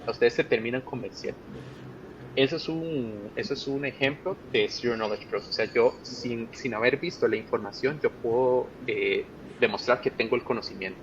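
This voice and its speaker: A man with a Costa Rican accent, a project manager being interviewed, who explains ideas step by step with plain examples. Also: normal speed. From Costa Rica. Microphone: video call. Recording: muffled call audio with faint rumble.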